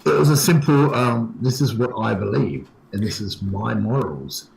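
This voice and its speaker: A man hosting a livestream, commenting in a calm, measured way. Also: medium pitch, vocal fry, rough recording. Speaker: streamer. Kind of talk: livestream chat.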